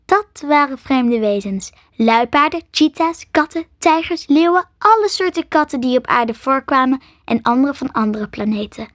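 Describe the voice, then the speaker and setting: A woman's voice: high-pitched, animated, dry recording, studio quality. Woman reading a storybook aloud. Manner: slow, careful reading aloud. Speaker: narrator.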